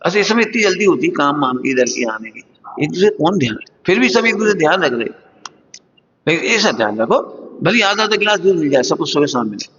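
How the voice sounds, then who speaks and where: A man's voice: fairly high pitch, big pitch swings, fairly quick, a bit bright. Middle-aged man preaching in a reverberant hall. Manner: homely, conversational, addresses listeners as children. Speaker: religious teacher. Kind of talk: sermon to students. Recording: dull lo-fi hall recording with long reverb.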